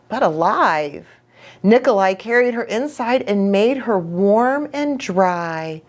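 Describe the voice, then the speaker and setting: With a lowish, darkish voice, a female pastor reads a children's storybook aloud with lots of expression, pausing for small asides aimed at young listeners.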